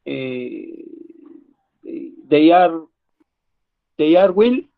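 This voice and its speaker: Gravelly, halting man student. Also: a little high, sing-song. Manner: halting, searching for words. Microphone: video call. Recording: dull lo-fi call audio.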